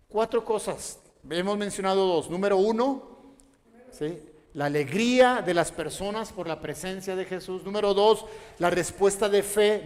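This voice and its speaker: A man preaching a sermon as pastor, asking the congregation questions and rising to shouts. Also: sits high, long reverb tail. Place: church hall.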